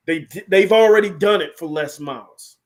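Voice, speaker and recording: Brief: male sports-talk co-host, fairly high voice, animated and emphatic. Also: normal speed. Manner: animated, emphatic, repeats "here's the thing". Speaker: podcast co-host. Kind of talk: casual sports chat.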